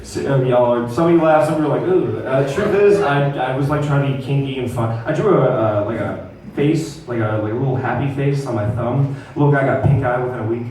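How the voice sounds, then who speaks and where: A man's voice: medium pitch, fast, hardly any pauses, heavy reverb, far from the mic, background noise. A young man doing a crude, rambling stand-up comedy set at a comedy club and talking back to the crowd. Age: young adult.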